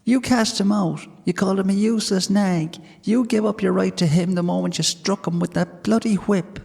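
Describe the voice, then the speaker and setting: A man's voice: medium pitch, moderate pace, darkish tone, pitched above the performer's own voice, natural voice. A man voicing a frightened young farm girl who fiercely protects her horse. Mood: defiant. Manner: pleading, breathless urgency. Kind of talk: storytelling. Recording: long hall reverb.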